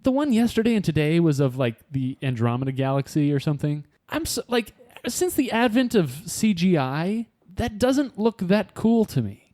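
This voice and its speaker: A man chatting casually on a podcast, rambling and musing out loud with the odd chuckle. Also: sits high, very animated, normal speed, hardly any pauses, dry recording. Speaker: quiz contestant, co-host.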